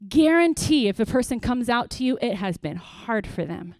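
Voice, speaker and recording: A middle-aged woman pastor giving an earnest, lively workshop talk to parents, with praise asides and acted-out stories. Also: on the high side, moderate pace, no echo. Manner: lively storytelling, acts out quotes with bursts.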